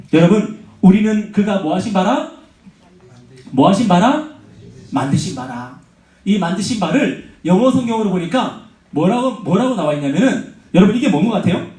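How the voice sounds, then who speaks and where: A man preaching to high school students, animated, asking questions and having the room repeat after him. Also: recorded from a distance. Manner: animated, asks the audience questions and has them repeat. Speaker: youth pastor. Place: church sanctuary. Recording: echoey church hall.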